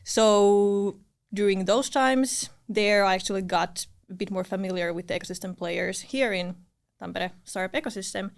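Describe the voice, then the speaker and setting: A woman's voice: mid-range voice, normal speed. A young woman from Finland, a podcast guest, talking in a modest, friendly, casual manner. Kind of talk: casual interview chat.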